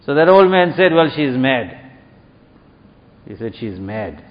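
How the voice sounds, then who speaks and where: A man preaching a sermon speaks at medium pitch with big pitch swings and an unhurried pace. He retells a story and acts out its dialogue with rising emphasis, captured on a dull lo-fi recording with long hall reverb.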